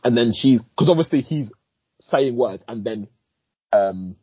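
A husky-voiced man rambles through a film recap in casual podcast chat, animated and swearing freely, laughing as he goes. The sound is dry and a little dull, like a lo-fi home recording. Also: mid-range voice, unhurried, no room sound. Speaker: podcast co-host, film critic.

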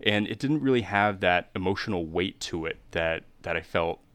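Smooth low-voiced young man, dry sound. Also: animated, moderate pace, fairly bright tone, no room sound. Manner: earnest, lists points one by one. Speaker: debater arguing the con side. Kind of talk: casual debate talk.

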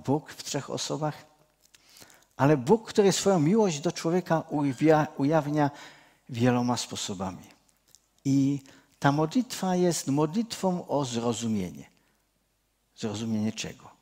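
A man's voice: medium pitch, darkish tone. A man preaching a sermon from the area. He talks earnestly to the congregation, often restarts a phrase, and lifts his voice when stressing a point. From Czech Cieszyn region.

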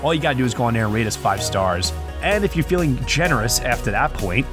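A man's voice: mid-range voice, expressive, fast, music in the background. Upbeat man hosting a podcast. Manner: upbeat, plugging the show. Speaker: podcast host. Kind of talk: casual chat and show outro.

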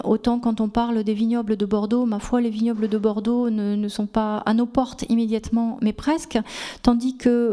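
A woman moderates a conference panel, stopping often to restart her sentences and fill pauses. Her voice sits a little high and has a soft, mellow tone. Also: gravelly. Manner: halting, many fillers and restarts. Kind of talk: hesitant conference introduction. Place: conference hall.

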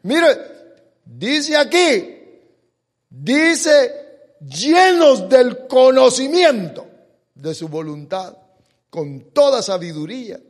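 A male pastor delivers an emphatic sermon in a high, widely swinging voice. He speaks slowly, drawing out key words and firing rhetorical questions at the congregation. His voice rings with the long reverb of a church hall. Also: sing-song.

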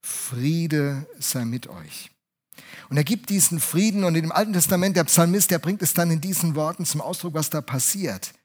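A man delivers a sermon in a slightly raised, husky voice. He addresses his congregation head-on, pressing some phrases loudly and letting others fall to a soft hush. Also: fairly high pitch, quick pace, few pauses. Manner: emphatic, swings between loud urging and hushed soft phrases; speaks directly to the congregation. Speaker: preacher.

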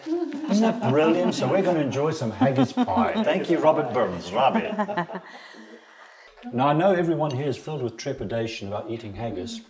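A man's voice: medium pitch, sing-song, fast talker, hardly any pauses, a crowd in the background. A man hosting, reading a poem aloud and chatting casually in an enthusiastic, chuckling, rambling way. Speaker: host.

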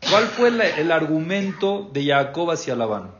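Male rabbi, slightly high voice, quizzes the class, muffled lo-fi take. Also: very animated, moderate pace, a bit bright, a little hiss or hum. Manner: questions the class and acts out the figures' words. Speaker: rabbi teaching a Torah class. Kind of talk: interactive religious lesson. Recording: dull lo-fi recording.

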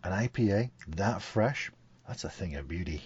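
A man's voice: deep voice, expressive, moderate pace, darkish tone, husky, no echo, muffled recording. A man hosting a podcast, chatty and enthusiastic about food and beer. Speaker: podcast host. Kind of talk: casual chat.

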